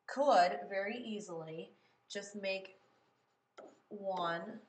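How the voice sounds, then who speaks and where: A woman's voice: mid-range voice, very slow, roomy sound, a little hiss or hum. A woman music teacher explaining step by step in a patient classroom manner. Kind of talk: classroom lesson on writing melodies.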